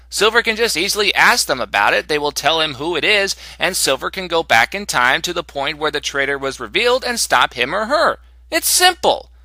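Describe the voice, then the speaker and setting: Male comic reviewer, sharp bright tone, dry close voice-over, sarcastic and exasperated delivery. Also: medium pitch, dry recording. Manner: snarky, exasperated, mocking.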